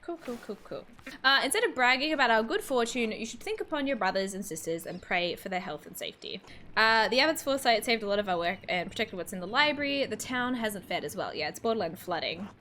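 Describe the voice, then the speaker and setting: Young female streamer, high voice, reads game text aloud and reacts with loud alarm. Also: animated, quick pace, a little hiss or hum. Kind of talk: live game playthrough commentary.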